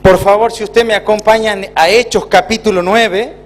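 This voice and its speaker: A man with an Argentine accent, a pastor preaching a sermon in a church with emphatic rises and slow, drawn-out phrases. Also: high voice, fairly even intonation. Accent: Argentine Spanish.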